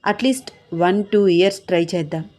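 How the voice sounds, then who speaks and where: A woman's voice: fairly low pitch, brisk, darkish tone, lightly acted. Woman reading as a tender young husband. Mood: tender reassuring. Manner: soothing, coaxing. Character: loving young husband, a gentle reassuring doctor.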